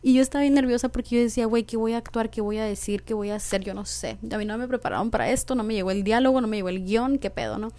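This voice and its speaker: A woman's voice: on the high side, rapid-fire, hardly any pauses, dark tone, no room sound. A woman with a Mexican accent hosting a podcast, casually telling a personal story in slangy speech and acting out the dialogue. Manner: slangy, acts out quoted dialogue. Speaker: podcast host.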